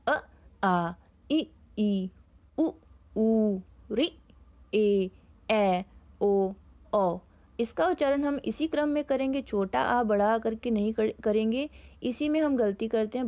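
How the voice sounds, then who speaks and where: A woman teaching a Hindi grammar lesson, sounding out each vowel slowly and deliberately. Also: mid-range voice, mellow. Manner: slow, deliberate pronunciation of sounds. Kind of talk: instructional lesson.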